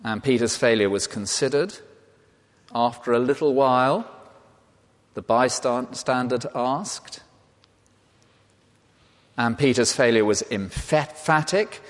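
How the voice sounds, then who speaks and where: A man's voice: mid-range voice, slow, pauses often. Male preacher, emphatic and rhetorical, mid voice with a long church echo. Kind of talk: sermon. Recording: long hall reverb.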